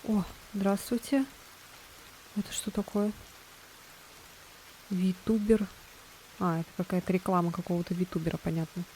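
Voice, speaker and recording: A woman's voice: on the low side, flat delivery, normal speed, long pauses, mellow, low-quality recording. Chatty woman streamer over background noise. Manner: chatty, exclaiming, giggly reactions. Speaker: video game streamer. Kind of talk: casual let's-play commentary.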